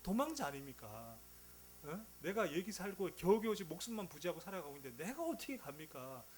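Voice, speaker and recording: A man's voice: high voice, voice pushed up. A man doing a frightened old man pleading. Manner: pleading rhetorical questions. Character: fearful eighty-year-old man pleading with God.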